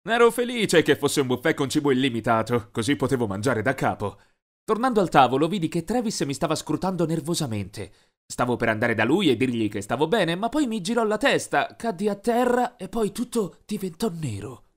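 A man narrating an animated story in a scripted, expressive way. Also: fairly high pitch, fairly quick. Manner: lively, expressive.

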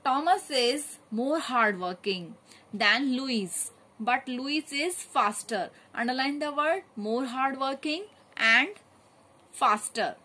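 A woman teacher going through a grammar exercise, reading each sentence and then calmly telling the children which words to underline. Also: high-pitched, slow pace, rough recording. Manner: steady, methodical dictation of exercise answers. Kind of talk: grammar lesson, reading out answers.

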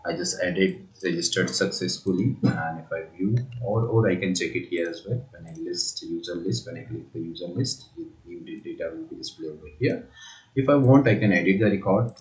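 A man with a very low voice explains a software project step by step, pausing often on fillers and restarting sentences. The sound has a noticeable room echo, like a home desk setup. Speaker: software tutorial presenter. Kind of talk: screen-recorded coding walkthrough.

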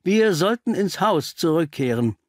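A man's voice: sits high, sing-song, unhurried, dry recording, clean studio sound, voice pushed up, full character voice. A man reading an audiobook, voicing a confident, cheerful male detective who talks in a teasing, cryptic way. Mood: knowing. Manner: teasing, cryptic, self-assured. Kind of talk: audiobook character voice.

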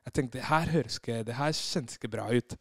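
A man's voice: mid-range voice, dry recording, studio quality. A man on a podcast telling a story in casual chat, acting out the moments he describes. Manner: animated storyteller, acts out screams and quotes. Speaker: podcast guest.

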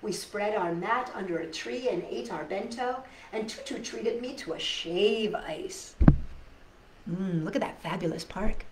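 Her mid-range voice animated, a middle-aged woman hosts storytime, reading a picture book aloud to children indoors in a living room. Dramatic pauses and chatty asides address her young audience, while the distant mic picks up a roomy sound and background noise.

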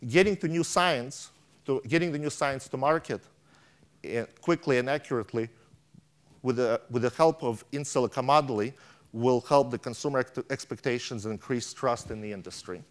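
Speaking at a moderate pace in a medium-pitched voice, this middle-aged keynote speaker addresses a large conference stage through a lapel mic. His reading of a prepared text from a tablet is full of stumbles and fresh starts.

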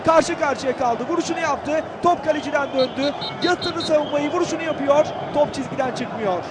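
A man giving excitable, declamatory live commentary on a football match. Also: very high voice. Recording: loud stadium crowd noise behind. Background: cheering football stadium crowd.

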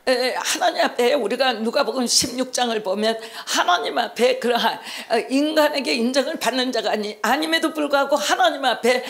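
A woman interpreting a sermon live, phrase by phrase, often opening with a quick acknowledgment. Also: high-pitched, gravelly, a bit bright. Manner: fluent, with frequent "ne" acknowledgments and restarts. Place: conference hall.

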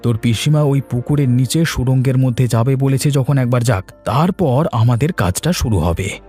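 Cartoon role: a brisk, scheming village man, played by a man, mid-pitched. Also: mellow, breathy edge, faint music behind, lightly acted. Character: scheming village man, plots against the aunt. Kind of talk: cartoon voice acting.

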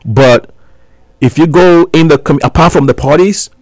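In a small college radio studio, a Ghanaian man in his thirties talks with a talk show host, making his case earnestly and persuasively despite frequent restarts. His fairly high voice moves at normal speed, and there's no echo.

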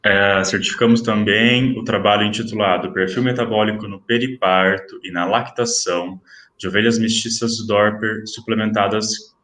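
A man presenting at an online academic event, reading out award certificates in a formal, steady listing manner. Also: on the low side, moderate pace, reverberant. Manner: steady listing of titles and names.

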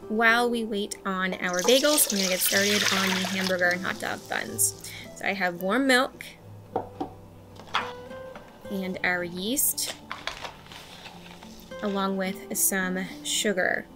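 Over loud music, a homesteading vlogger in her thirties speaks slowly with long pauses in a mid-range voice. Indoors in her home kitchen, she narrates a cooking tutorial, leading viewers through her bread recipes step by step in a friendly, instructive tone.

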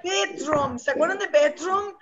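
A woman teacher with an Argentine Spanish accent, running an online English class in a lively, coaxing way. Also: sits high, measured pace, muffled recording, loud music behind the voice. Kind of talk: online class, drilling vocabulary. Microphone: computer mic on a video call. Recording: noisy video call audio.

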